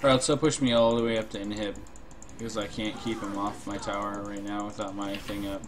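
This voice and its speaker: Low-voiced young man streaming a game. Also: little pitch movement, fairly quick. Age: young adult. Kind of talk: casual live gameplay commentary. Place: indoor room at a computer. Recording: noisy stream with keyboard clatter. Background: keyboard typing, game sounds.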